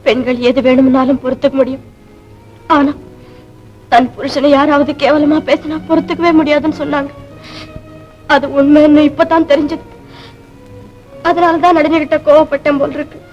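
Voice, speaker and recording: An actress playing a devoted young wife who speaks in a calm, earnest way in a classic film. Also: female voice, high-pitched, moderate pace, pauses often, soft background music, lightly acted. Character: devoted young wife, gentle but fierce. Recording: dull old film soundtrack.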